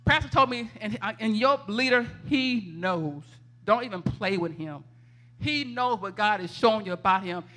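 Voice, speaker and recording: Woman preacher, bright and forceful, tells stories with laughter. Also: medium pitch, moderate pace. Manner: animated, laughing storyteller, conversational. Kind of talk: testimony sermon. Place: church sanctuary.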